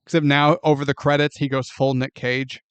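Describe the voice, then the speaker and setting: A man co-hosting a podcast, recapping a film plot in an animated, profane, incredulous way. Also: mid-range voice, a little fast, smooth, no room sound. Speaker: podcast co-host. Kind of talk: casual movie review chat.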